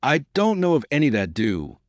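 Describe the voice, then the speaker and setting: A man's voice: mid-range voice, huge pitch swings, normal speed, dry recording, voice pushed up. A polite, curious young girl, as a male storyteller puts her on, speaking in a raised, earnest, questioning tone. The sound is dull and dry.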